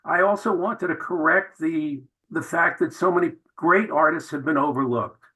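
Man, film director, radio interview guest, keen anecdotal talker, bright tone. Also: on the high side, moderate pace, low-quality recording. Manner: enthusiastic, anecdotal storytelling.

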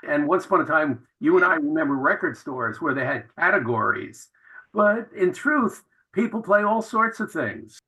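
Bright-voiced man telling lively anecdotes. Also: fairly high pitch, normal speed, poor audio. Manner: enthusiastic, anecdotal storytelling. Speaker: film director. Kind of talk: radio interview answers.

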